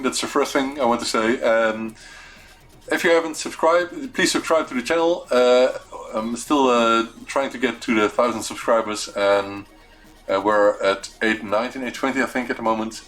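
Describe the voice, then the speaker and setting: A man's voice: fairly low pitch, a bit bright. A man with a Dutch accent hosting an unscripted livestream chat, hesitant and searching for words as he talks. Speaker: host of a weekly retro computing live show.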